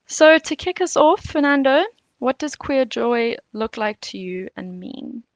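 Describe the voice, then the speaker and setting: A woman's voice: a little high, lively intonation, unhurried, dry recording. A woman hosting a podcast, giving upbeat, encouraging introductions and questions. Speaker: podcast host.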